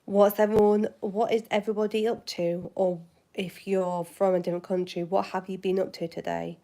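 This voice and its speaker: She's a woman from West Yorkshire, England, hosting her channel and answering viewers in a relaxed, rambling way, stopping and restarting often amid many fillers. Her Yorkshire-accented voice is medium-pitched and dark, flat in delivery, at a normal speed.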